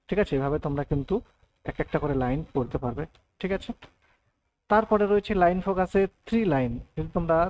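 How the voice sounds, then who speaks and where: A man giving a step-by-step software tutorial over a screen recording, checking in with his listeners often. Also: on the high side, muffled recording. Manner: explains step by step, often adds "thik ache" and "right". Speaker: computer tutor.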